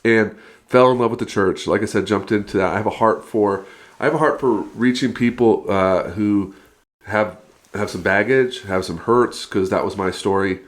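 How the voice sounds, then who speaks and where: A man's voice: on the low side, normal speed. A man in his thirties from California, a pastor talking casually and energetically on a podcast, laughing often. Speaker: guest pastor.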